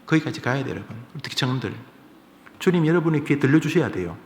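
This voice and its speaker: A male pastor preaching a fervent sermon, swinging between quiet pleading and loud outbursts. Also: medium pitch, lively intonation, fast talker, a little hiss or hum. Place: church sanctuary. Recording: echoey church hall with long reverb.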